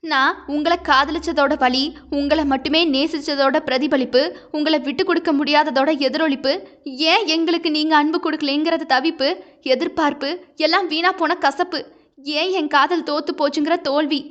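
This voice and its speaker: A woman's voice: high-pitched, steady tone, normal speed, fairly bright tone, dull audio. A woman voicing a grieving young wife, impassioned and pleading through tears. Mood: anguished.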